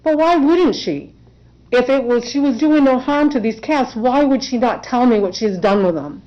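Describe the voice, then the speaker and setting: A woman's voice: a little high, moderate pace. A woman representing herself in court, giving earnest, emotional testimony in a courtroom. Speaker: self-represented respondent in court. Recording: dull lo-fi courtroom recording.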